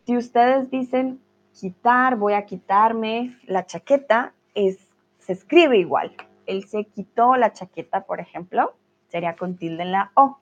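A woman with a Colombian accent teaching a live online class, friendly and encouraging, speaking slowly and clearly. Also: mid-range voice, lo-fi sound.

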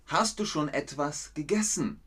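A man teaching German in a live lesson, answering viewers' chat questions slowly and clearly with encouragement. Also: on the high side, fairly bright tone. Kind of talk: live-streamed language lesson.

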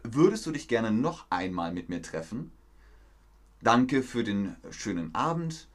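A young man teaching a live-stream language lesson, explaining slowly and in a friendly way with example phrases. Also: lowish voice, very animated.

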